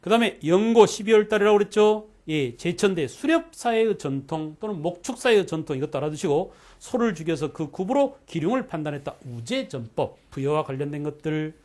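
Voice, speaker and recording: A man teaching an exam-prep history lecture, animated, constantly checking in with students through quick questions. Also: fairly high pitch. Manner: animated, asks the class frequent quick questions.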